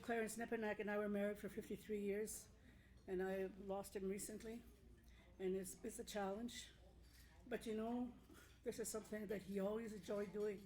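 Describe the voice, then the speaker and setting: A woman's voice: medium pitch, mellow, low-quality recording. An older woman giving informal, conversational remarks into a podium microphone. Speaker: dance troupe leader. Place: indoor banquet hall at podium.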